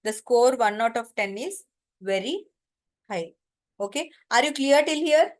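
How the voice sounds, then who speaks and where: A woman's voice: a little high, expressive, measured pace. A woman with an Indian accent giving an informal lecture, explaining step by step and often checking that students follow.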